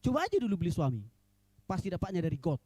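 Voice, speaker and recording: A man preaching a sermon in church as pastor, animated and mixing in joking asides. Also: sits high, racing, no echo.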